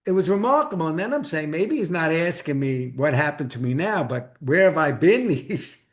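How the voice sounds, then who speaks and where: A man's voice: fairly high pitch, sing-song, moderate pace. A middle-aged man with a Brooklyn accent, telling a personal story conversationally as an interview guest. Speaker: guest author.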